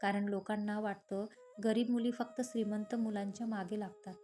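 A woman's voice: mid-range voice, flat delivery, moderate pace, warm tone, faint music behind, close to an everyday voice. A woman voicing a proud, strong-willed young woman from a poor family, hurt and defiant in a narrated romance story. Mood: sad.

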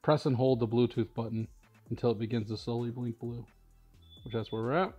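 Speaking a little fast in a steady, medium-pitched voice that's slightly mellow and breathy, a middle-aged powersports tuning shop demonstrator gives an informal, matter-of-fact walkthrough. Faint music plays in the large indoor vehicle workshop.

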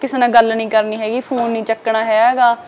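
A young woman from Punjab with a high, lively voice talks fast and frankly as an interview guest. She keeps tagging her sentences with little fillers. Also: dull audio. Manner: quick, frank and plain-spoken, with many filler tags. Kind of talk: casual interview talk.

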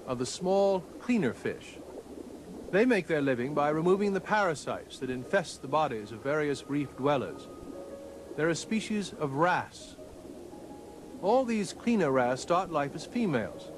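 A man narrating a scripted nature documentary in a measured, formal storytelling manner. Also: on the high side, background noise. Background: background music.

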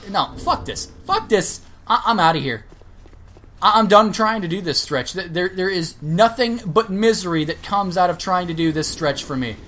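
Profane, animated gamer woman ranting. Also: mid-range voice. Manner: profane, ranting, talks to herself. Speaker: let's play gamer. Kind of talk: gameplay commentary.

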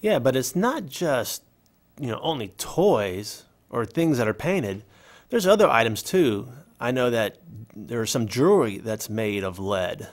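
A man's voice: mid-range voice, animated, measured pace. A man reading an English voice-over for a signed conversation, in a conversational scripted style. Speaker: voice-over for a signing speaker.

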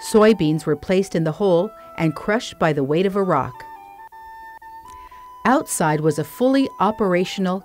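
A woman reading scripted documentary narration in a calm, measured voice-over. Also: lowish voice. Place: studio voice-over.

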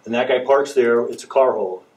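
A man's voice: medium pitch, fairly quick, a little hiss or hum. A man from the audience at a town hall, raising a detailed, persistent complaint about a turn with wry humor. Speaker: resident asking questions. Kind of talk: public comment at a town hall. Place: meeting room, indoors.

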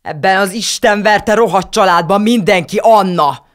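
A woman's voice: lowish voice, voice pushed up, lightly acted. A woman voicing a furious little girl in an audiobook. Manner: yelling, demanding.

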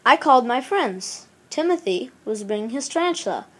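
A woman with a high-pitched, breathy-edged voice reads a children's picture book aloud at normal speed. Animated and expressive, she acts out the exclamations and dialogue as a storybook reader.

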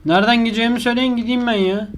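A man's voice: very high voice, fairly even intonation, rapid-fire. A man giving live horror gameplay commentary as a YouTuber. He swears constantly, yelps when scared and argues with the game's monster. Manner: crude, swears a lot, talks to the game's monster.

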